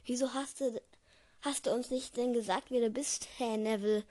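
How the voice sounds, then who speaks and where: A woman reading as an excitable young bus conductor. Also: on the high side, moderate pace, lightly acted. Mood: excited. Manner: excited, blurting.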